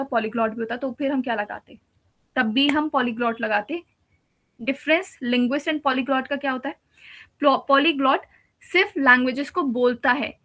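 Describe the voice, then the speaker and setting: A woman's voice: high voice, bright, forceful tone. A woman teacher giving a patient exam-prep lecture, explaining step by step with repeated examples. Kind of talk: exam-prep lecture mixing Hindi and English.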